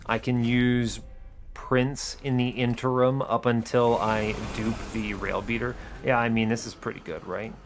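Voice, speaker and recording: Faint music runs behind a man whose mid-range voice barely shifts in pitch and holds a measured pace. He's the host of an educational gaming series, thinking aloud casually and conversationally, with wry, breezy understatement.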